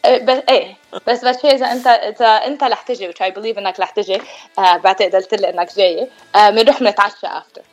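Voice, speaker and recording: A woman's voice: mid-range voice, quick pace, muffled recording, soft background music. A Lebanese-accented actress chatting as a guest in a casual radio interview, slipping English words into her talk.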